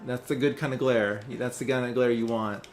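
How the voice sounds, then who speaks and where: A man's voice: medium pitch, fairly even intonation, a little fast. A young man hosting a let's play, chatting casually while he plays, rambling and distracted, with many fillers. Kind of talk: casual chat while playing a game.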